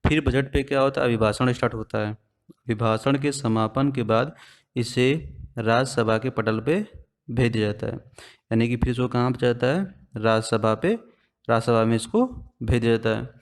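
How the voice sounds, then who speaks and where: Here a teacher, male and mid-pitched, moves through exam-prep material in stages. Often he puts a question to his class before answering it himself, all at a moderate pace.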